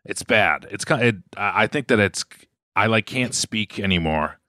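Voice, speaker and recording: A man with a Boston accent rambles through a casual podcast chat, stumbling over repeated words and laughing often. His pitch swings up and down a lot. The sound is close and dry. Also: lively intonation, normal speed, sharp tone, no room sound. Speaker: podcast co-host. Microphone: headphones, remote call.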